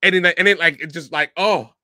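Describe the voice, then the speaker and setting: A man's voice: a little high, brisk, no echo, clean studio sound. A man co-hosting a casual anime review chat, talking emphatically with many restarts and "like"s. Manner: emphatic and animated, lots of restarts and "like". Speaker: co-host.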